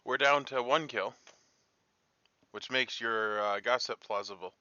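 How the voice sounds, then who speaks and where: A man's voice: medium pitch, a little slow, sharp tone, dry recording, lo-fi sound. A man talking casually through a game, reasoning aloud with emphatic, uneven delivery. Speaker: player in an online social deduction game.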